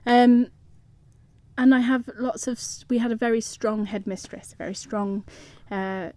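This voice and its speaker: A woman's voice: fairly high pitch, fairly even intonation, measured pace, darkish tone. A middle-aged woman with a southern English home counties accent, chatting as a guest in a radio interview. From Surrey, England. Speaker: studio guest.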